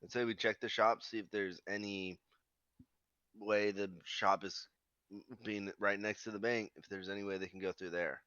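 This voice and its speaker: A man's voice: fairly low pitch, flat delivery, moderate pace, bright, forceful tone, smooth, no echo. A man talking casually as a player in a tabletop role-playing game. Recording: dry, dull lo-fi audio.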